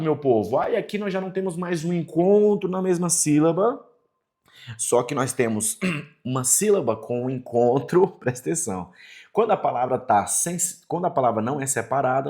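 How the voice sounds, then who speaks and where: A Brazilian man teaching a Portuguese grammar lesson for exam prep, stretching out example words and checking in with the class. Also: mid-range voice. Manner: lively, drawn-out example words, frequent "tá vendo?" checks.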